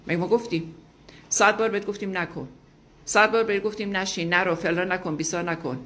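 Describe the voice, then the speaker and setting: A woman's voice: lowish voice, fairly even intonation, fairly bright tone. A woman giving a motivational talk, speaking emphatically and asking her listeners rhetorical questions.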